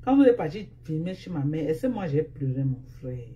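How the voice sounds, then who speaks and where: A woman with a Cameroonian French accent chats casually on a live stream into her phone, teasing and scolding in repetitive refrains. Her low, warm voice moves fairly quickly with big pitch swings, over a little hiss or hum.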